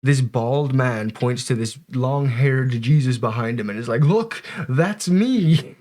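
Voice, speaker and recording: A man's voice: medium pitch, steady tone, measured pace, a little mellow. Wry, sweary man doing casual reaction commentary. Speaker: commentator reacting to bodycam footage.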